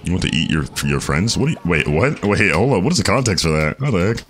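Deep-voiced man chatting through gameplay. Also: very animated, fast, faint music behind. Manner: chatty, reads chat aloud, thinks out loud. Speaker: streamer. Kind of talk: casual gameplay commentary.

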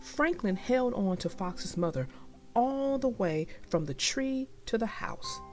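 A woman reading a children's storybook aloud, gentle and expressive. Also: a little high, takes it slowly, music in the background.

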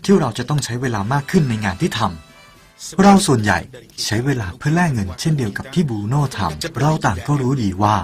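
A man with a mid-range, expressive voice tells a parable at a brisk pace, speaking earnestly and persuasively straight to the listener. Soft music plays behind him.

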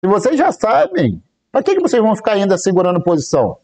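A man's voice: high voice, wildly swooping pitch, quick pace, darkish tone. A man from Brazil streaming live day trades, chatting casually with viewers and joking while he counts aloud. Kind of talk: live trading stream chat.

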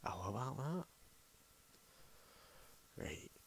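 A man's voice: medium pitch, sing-song, extremely slow, poor audio. A man rambling through gameplay commentary as host, often muttering under his breath, recorded on a laptop mic. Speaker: gaming channel host. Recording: loud background noise.

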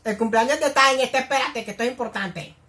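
A woman giving reaction commentary as a YouTuber, excitable and gushing, full of exclamations. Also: a little high, fast.

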